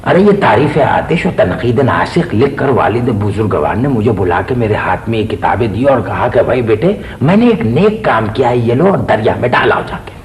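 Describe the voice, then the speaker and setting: An actor playing a pompous aging poet who loves praise, speaking in a theatrical, exclaiming way in a comic stage play. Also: male voice, fairly low pitch, sing-song, normal speed, few pauses, reverberant. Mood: grumbling.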